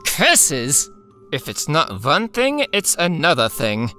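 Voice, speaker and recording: A scheming cartoon villain boss, played by a man, theatrical and gloating, with a slow, deliberate delivery. His voice swings widely in pitch and carries a bright, tense edge. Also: huge pitch swings, soft background music, full character voice. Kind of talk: cartoon voice acting.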